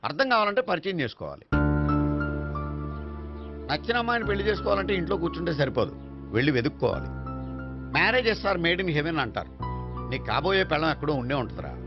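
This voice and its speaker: A playful old grandfather who gives jokey advice in a film comedy. He talks fast with a lively voice, and music plays clearly under a dull soundtrack. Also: on the high side. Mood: advising. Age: older. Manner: jokey, advising.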